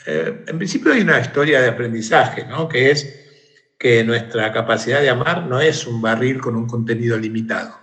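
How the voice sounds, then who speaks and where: A man's voice: mid-range voice, moderate pace. A man as an interview guest, telling a story in conversation and acting out the calls of its characters. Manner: animated, acts out shouted calls in the story.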